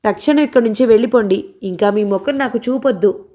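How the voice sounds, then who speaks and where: A woman's voice: fairly high pitch, fast, dark tone, natural voice. A woman doing a proud, unhappy young wife in a storybook reading, her voice close to the reader's own, earnest and direct. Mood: angry.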